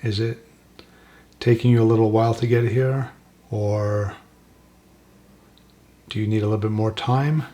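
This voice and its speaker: A soft-spoken man hosting a spirit box session, asking gentle questions slowly and leaving pauses for an answer. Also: fairly low pitch, steady tone. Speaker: paranormal investigator, host.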